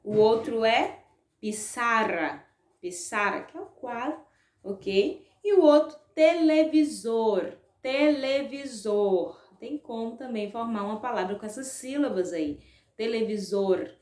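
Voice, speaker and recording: A woman with a Brazilian accent teaches a Spanish lesson in a slightly high voice. She talks very slowly, lingering on each syllable and checking in with her pupils after nearly every phrase. The recording is roomy, with a clear echo around her. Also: animated. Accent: Brazilian Portuguese. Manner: slow, drawn-out, spelling out syllables; checks in with frequent "ok?" and "né?". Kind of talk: online class lesson. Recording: echoey room.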